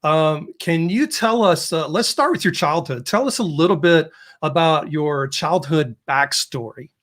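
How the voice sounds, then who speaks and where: A male podcast host with a voice a little higher than most men's. He reads a guest's introduction, then moves into an easy interview with brief encouraging replies. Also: measured pace, a bit bright. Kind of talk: interview hosting.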